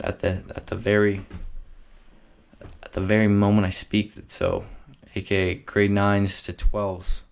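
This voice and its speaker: A young man, hosting a solo podcast in a loose, rambling, profane way. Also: low voice. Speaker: podcast host.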